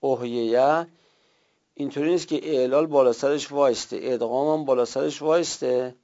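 A man's voice: mid-range voice, fairly even intonation, dark tone. A man teaching a grammar class who explains step by step, repeating and rephrasing each rule. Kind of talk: lecture on Arabic verb morphology. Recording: lo-fi muffled recording.

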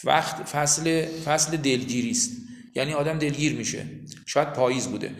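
A man teaching a literature lesson in a classroom, who explains patiently, repeats key terms and quizzes his students. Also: on the high side. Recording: echoey classroom recording.

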